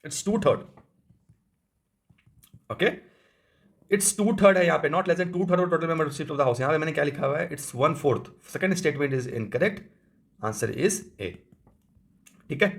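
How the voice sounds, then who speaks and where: A man with an Indian accent, an exam coaching teacher, working through quiz answers. He reads English text slowly, then explains in quick Hindi asides, and he corrects himself partway through. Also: on the high side, expressive, gravelly. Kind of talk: quiz answer walkthrough lesson.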